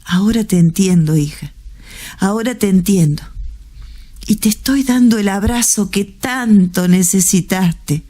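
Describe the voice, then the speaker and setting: A woman voicing her late father, a gentle, apologetic man who speaks tenderly in a hushed, half-whispered voice. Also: mid-range voice, measured pace, natural voice.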